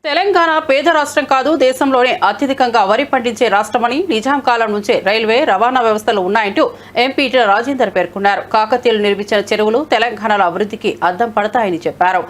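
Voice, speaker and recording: A woman news anchor reading scripted bulletin items in a brisk, formal manner. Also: a little high. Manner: brisk, formal newsreader delivery.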